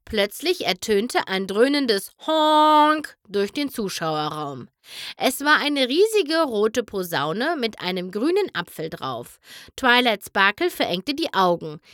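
A woman reads a children's storybook aloud with expressive, animated storytelling. Her pitch sits fairly high and swings widely, and she takes an unhurried, slow pace. The recording is close and dry. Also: dry recording. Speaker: narrator. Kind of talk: storybook reading.

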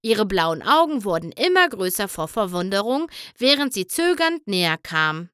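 Woman storybook narrator, lively and bright, dry close sound. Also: medium pitch, normal speed, clear, resonant tone, no echo. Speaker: audiobook narrator.

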